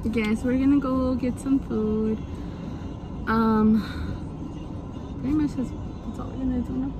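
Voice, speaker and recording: A woman's voice: a little high, steady tone, unhurried. Casual young woman vlogging outdoors. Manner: casual, mixes Spanish into English, swears. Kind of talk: casual chat to camera. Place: outdoors after a photoshoot. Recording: noisy outdoor ambience with traffic.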